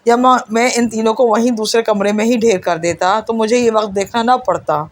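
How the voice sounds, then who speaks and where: A woman's voice: a little high, fairly even intonation, close to an everyday voice. A woman voicing a cunning, defeated foreign villain prince who bargains and threatens. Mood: bitter. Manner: scheming, shifts between bargaining and threats.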